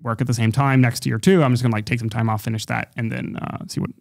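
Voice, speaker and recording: A young man, a podcast guest, telling his story in a quick, loose way, full of "like", on a studio mic. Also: medium pitch, steady tone, vocal fry. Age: young adult. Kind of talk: casual podcast interview. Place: office studio, indoors. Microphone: studio mic on boom arm, headphones.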